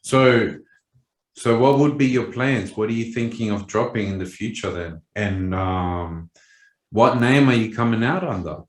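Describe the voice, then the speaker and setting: A man's voice: fairly low pitch, unhurried. A man hosting a podcast in casual, effusive, slang-heavy interview chat, peppering his speech with bro and man. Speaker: podcast host. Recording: roomy echo with faint music.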